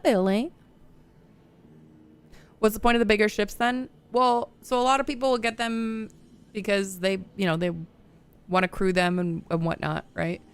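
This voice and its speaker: A woman in her thirties livestreams a game, chatting with viewers in an upbeat way and laughing a lot. Her medium-pitched voice is clean, and she says "like" and "you know" constantly.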